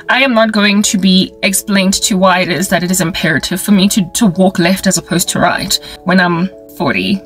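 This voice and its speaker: A South African woman in her forties talking to camera in a casual, wry monologue. She is animated and playful, and she mixes in sound effects and phrases from local languages. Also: medium pitch. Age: 40s. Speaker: vlogger and ministry creator.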